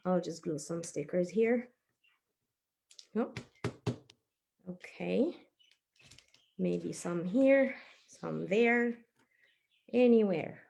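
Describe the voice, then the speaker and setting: Her fairly low, slightly mellow voice is creaky, with drawn-out words and frequent pauses. She leads a craft for young children in an easygoing, encouraging manner, thinking aloud as her hands work through each stage. The audio has faint background noise and small clicks.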